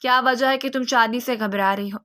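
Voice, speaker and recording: Woman reads a soft-spoken young man in a storybook, gentle and coaxing, bright tone. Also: a little high, steady tone.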